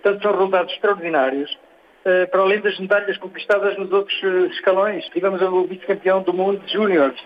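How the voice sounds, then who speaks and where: A man with a European Portuguese accent giving halting, spontaneous interview remarks as a federation official, repeating words as he goes. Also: high voice, steady tone. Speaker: sports federation president being interviewed. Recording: dull, noisy lo-fi radio interview line.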